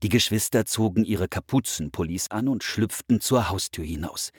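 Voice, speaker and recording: Storybook narrator, male, husky voice, animated delivery, dry close recording. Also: fairly low pitch, normal speed, dry recording. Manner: expressive, lively storytelling. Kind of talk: reading a children's story aloud.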